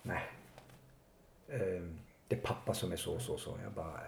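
A man telling his life story in an interview, halting and reflective with many pauses. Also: deep voice, vocal fry. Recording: echoey room with faint noise.

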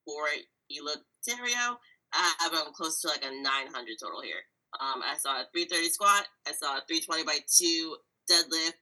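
A woman's voice: low voice, pushed and bright, poor audio. A woman co-hosting a casual sports chat podcast, methodically going through numbers with small fillers. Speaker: podcast co-host.

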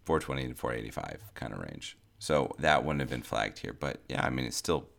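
A man co-hosting a fantasy baseball podcast in casual chat, dry and deadpan, rattling off stats. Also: a bass voice, fairly quick, creaky.

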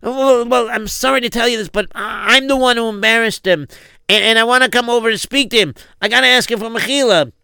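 A man's voice: very high voice, fairly quick, gravelly, pushed and bright, clean tone, dry recording, voice pushed up, heavily acted. A man playing an anxious father who rambles and stammers through his story. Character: anxious, flustered father pleading for help.

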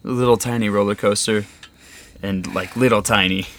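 A man's voice: on the low side, steady tone, moderate pace, a bit bright. A man hosting a podcast, chatting eagerly and laughing as he retells a day out. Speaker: podcast host. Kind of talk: casual chat.

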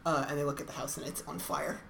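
A woman with a low, deep-set voice recaps a TV episode in a dry, matter-of-fact way. She sounds like she is in an echoey room. There is a faint hiss in the background. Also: steady tone, fast, gravelly, fairly bright tone. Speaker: podcast co-host.

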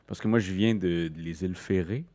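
A man's voice: low voice, fairly quick, warm tone, dry recording. A man voicing a laid-back metal fan from northern islands, speaking hesitantly with many fillers. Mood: casual.

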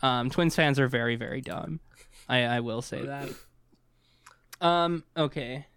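A man's voice: medium pitch, a little slow, fairly bright tone, clear, resonant tone, no echo, studio quality. A man hosting a casual sports podcast, talking bluntly and sarcastically and swearing freely. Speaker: podcast host.

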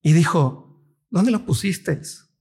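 A man's voice: fairly high pitch, lively intonation, slow pace, a little mellow, slightly rough. A man preaching a sermon, reading scripture aloud and questioning his listeners. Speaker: pastor.

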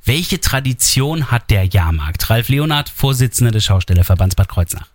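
A man's voice: medium pitch, lively intonation, moderate pace, a little mellow, no room sound, clean studio sound. A man from northern Germany hosting a regional radio talk, asking chatty questions with fillers. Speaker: radio host. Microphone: studio microphone.

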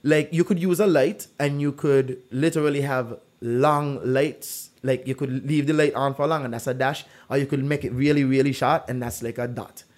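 A medium-pitched man talks at a moderate pace with few pauses while hosting a casual true-or-false quiz. His storytelling is animated and peppered with "like."

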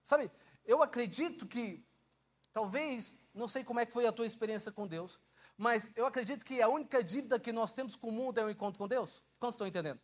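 A man's voice: extremely high pitch, fast. A young man with a Brazilian Portuguese accent preaching a sermon and telling his own testimony, often asking the congregation questions and acting out what he once said. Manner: storytelling, acts out his own past words.

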